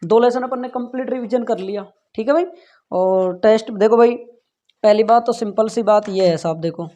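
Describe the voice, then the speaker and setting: A male physics teacher whose voice sits high and mellow speaks at a moderate pace, lecturing and earnestly pleading with his students while often asking if they follow and saying "yaar". He's in a classroom with a board, heard on a dull lo-fi recording.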